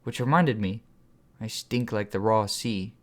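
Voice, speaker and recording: A man's voice: on the low side, unhurried. Man reading an audiobook steadily. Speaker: author and audiobook narrator. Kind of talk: first-person audiobook narration.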